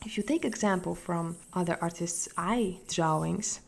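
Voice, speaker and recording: A young woman with a Polish accent, talking casually through a drawing tutorial, hesitant and repeating words, sometimes dropping into soft whispers. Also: lowish voice, normal speed, vocal fry. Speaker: art tutorial host.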